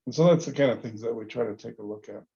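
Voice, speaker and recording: A middle-aged man who leads service trips, talking casually in a class discussion and pausing often with fillers and restarts. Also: medium pitch, dark tone. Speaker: service trip leader. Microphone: video call. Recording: dull lo-fi video call.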